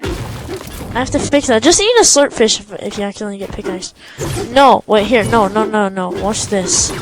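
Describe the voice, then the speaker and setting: An excitable, hyped gamer-bro player bantering casually in slang during an online match. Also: mid-range voice, a little fast, over music. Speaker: video game player. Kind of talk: casual gaming chat during a one-on-one match. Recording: noisy home gaming voice chat.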